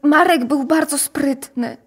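An actress playing a frightened, bitter young daughter in a radio drama, her confession halting and shaky. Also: high-pitched. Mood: hushed.

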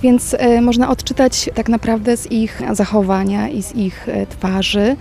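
A woman teacher answering interview questions in a reflective way, pausing often with small fillers. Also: fairly high pitch, steady tone, gravelly, warm tone. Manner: reflective, speaks thoughtfully with pauses and "e" fillers.

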